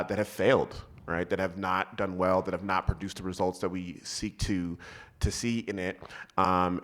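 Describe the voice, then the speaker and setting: A man's voice: low voice, a bit bright. A man from Nigeria who grew up in California, introducing himself earnestly on a conference panel with frequent ums. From Nigeria, raised in California. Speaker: panelist, civil rights organizer. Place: conference hall stage.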